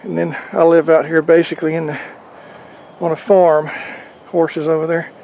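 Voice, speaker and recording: Down-home guy rambling thru a vlog update, voice a bit on the high side, faint noise in the background. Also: level tone, moderate pace, creaky, muffled recording. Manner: folksy, rambling, plain-spoken. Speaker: motorcycle vlogger. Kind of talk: casual video update. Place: outdoors on a farm.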